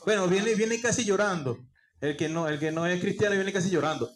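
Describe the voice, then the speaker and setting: With a high-pitched voice and a fairly quick pace, this male pastor from Peru asks rhetorical questions in his sermon and then answers them. He performs quoted voices, and there's slight background noise.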